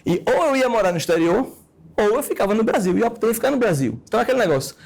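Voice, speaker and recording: A man lectures on orthodontics, his voice pitched high for a man. He talks quickly and in a slangy, joking, brash way, leaning hard on his points. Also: expressive, gravelly, darkish tone. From Recife, Brazil. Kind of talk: casual lecture with anecdotes.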